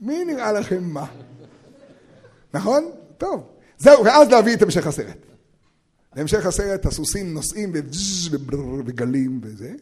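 Animated high-voiced male Torah teacher. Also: long pauses, slightly rough. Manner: animated, rhetorical questions, acts out quotes; swings between loud and hushed. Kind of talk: Torah lesson for educators.

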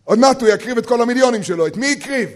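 A high-pitched male teacher giving a Torah lesson to fellow educators. He talks in an animated way, fires off rhetorical questions and acts out quotes, dropping to a hush and then bursting loud. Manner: swings between loud and hushed.

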